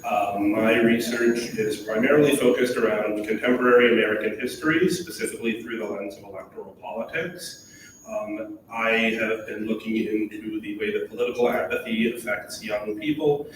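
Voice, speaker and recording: A young man introducing his research to a panel, relaxed with a light joke. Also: fairly low pitch, moderate pace, slight background noise. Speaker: student panelist. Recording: echoey hall from far off.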